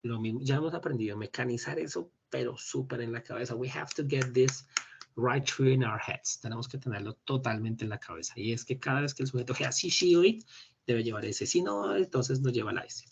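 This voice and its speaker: A man teaching an English class over a video call, explaining in Spanish and slowly modeling English phrases. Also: medium pitch, vocal fry, a little hiss or hum. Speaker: English instructor. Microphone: computer mic on a video call. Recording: dull lo-fi meeting recording.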